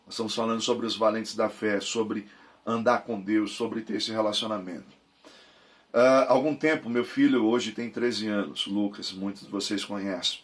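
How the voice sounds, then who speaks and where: A man's voice: fairly low pitch, fairly even intonation, normal speed. A man in his thirties with a Brazilian Portuguese accent teaching a Bible course, fervent and repeating phrases for emphasis. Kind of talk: preaching Bible lesson.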